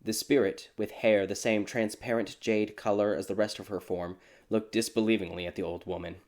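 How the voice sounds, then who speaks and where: Deep-voiced man narrating a dark fairy tale. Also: fairly even intonation, moderate pace.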